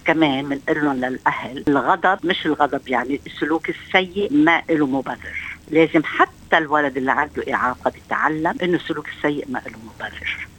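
Levantine lady counselor on the radio, talks fast, lots of um and restarts, middle-aged. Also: low voice, fairly bright tone, husky, rough recording. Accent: Levantine Arabic. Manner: explanatory, thinks aloud with fillers and restarts. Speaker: social counselor guest. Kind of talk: radio interview answers.

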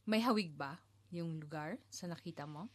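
Low-voiced Filipino-accented woman interviewer. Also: moderate pace, no room sound. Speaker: radio interviewer, host. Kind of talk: conversational interview, mixing Tagalog with some English. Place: radio studio.

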